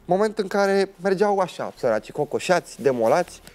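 A young man sits as a guest on a television talk show and recounts a personal story. He tells it dramatically, with a fairly high voice, and puts on the voices of the other people in it. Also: expressive, a little mellow.

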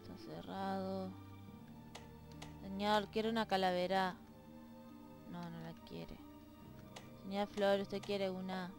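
A woman reads game text aloud for a let's play, using silly voices and chatting playfully with the characters, at home with dogs nearby. Her medium-pitched delivery is flat and slow, with long pauses, over music.

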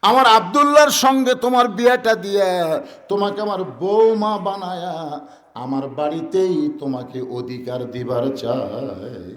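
Preacher voicing a proud old ruler. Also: male voice, sits high, expressive, normal speed, fairly bright tone, big-room sound. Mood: pleading. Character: elderly male ruler, tender and proud father.

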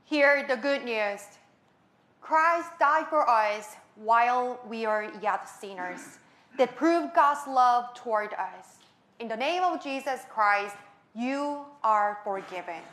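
A woman leading a liturgy of confession with a measured, solemn recitation, her voice echoing through a church sanctuary. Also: a little high, fairly bright tone. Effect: echoing church sanctuary reverb. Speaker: worship leader. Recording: echoey room with congregation noise.

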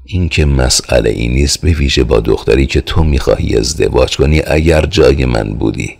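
A worldly male friend who teases and reassures, read by a man in an audiobook. His tone stays easygoing and chiding, very deep and gravelly with a husky grain. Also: exaggerated voice. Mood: teasing. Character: worldly joking male friend, teasing and persuasive.

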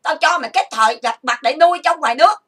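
A woman's voice: high-pitched, fast, pushed and bright, distant mic. A woman streaming an angry rant, cursing and hurling accusations while lying down. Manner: profane, accusing, insulting. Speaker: online streamer. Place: lying down at home.

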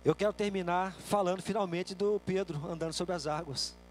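High-voiced pastor preaching with animation. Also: male voice, fairly quick, soft background music. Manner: animated preaching, acting out quotes loudly then dropping soft. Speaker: guest pastor. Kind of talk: sermon. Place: church sanctuary.

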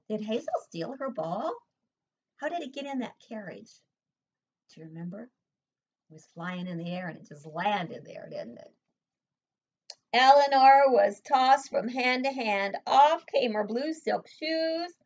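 An older woman who teaches preschool reads a picture book aloud expressively at home, stopping to ask the children questions. Her voice sits high, and the desk webcam gives dull, lo-fi audio indoors.

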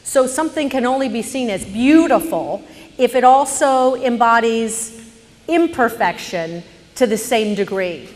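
A woman telling a personal story on stage, animated, swinging from hushed narration to loud indignation. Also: a little high, a little slow, long reverb tail.

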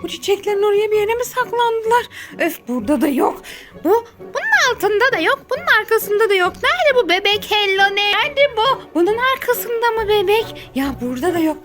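Playful mom, very high, theatrical gasps, music bed. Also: female voice, expressive, fairly quick. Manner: exaggerated, playful fearful gasps. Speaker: mother playing with her daughter on a kids' channel. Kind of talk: toy role-play for children.

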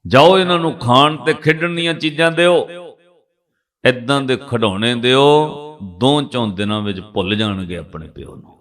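A man voicing a cruel, mocking male Mughal governor in a told story, loud and scornful. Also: medium pitch, normal speed, lightly acted.

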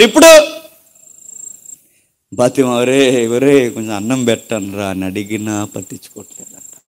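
A man's voice: high voice, a bit bright. A man preaching a sermon with emphasis, acting out the people he quotes.

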